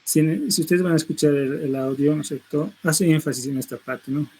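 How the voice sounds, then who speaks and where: A man's voice: on the high side, steady tone, fairly quick, darkish tone, slight background noise, low-quality recording. A middle-aged man teaching a university seminar, explaining step by step and tagging his phrases with a questioning "no?". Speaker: linguistics lecturer.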